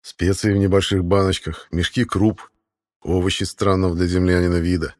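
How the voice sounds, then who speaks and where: A man reading an audiobook in a measured, even narration. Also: deep voice. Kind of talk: scripted narration.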